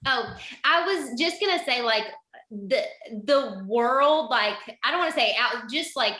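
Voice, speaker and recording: A young woman co-hosts a podcast in a loose, chatty way, filling her talk with "like." Her voice sits a little high and sounds bright. The room rings with echo. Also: expressive, measured pace. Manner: chatty, many "like" fillers. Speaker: podcast co-host. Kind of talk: casual podcast chat. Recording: echoey room.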